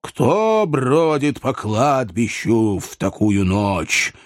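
A man doing a slow, stern goblin. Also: mid-range voice, very animated, dry recording, studio quality. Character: stern old male goblin of the churchyard. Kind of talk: audiobook reading.

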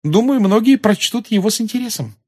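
A clever, cool-headed schoolgirl, voiced by a male reader. She speaks calmly and pointedly, with a raised, slightly husky tone and lively pitch. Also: fairly quick. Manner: calm, pointed, sarcastic.

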